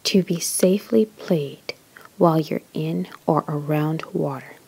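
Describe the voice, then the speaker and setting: A woman leading a guided meditation in a soft, whispery spa-like voice, soothing and measured, with pauses between short phrases. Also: low voice, gravelly, husky, rough recording.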